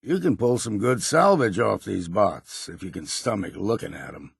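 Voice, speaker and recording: A male actor playing a grizzled old hunter in a video game, folksy and wary, with gruff good humor and a gravelly voice. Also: lowish voice, expressive, normal speed, no room sound, studio quality, exaggerated voice. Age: older. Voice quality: gravelly, husky. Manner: folksy, drawling old-timer phrasing. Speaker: video game companion character. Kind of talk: scripted game voice lines.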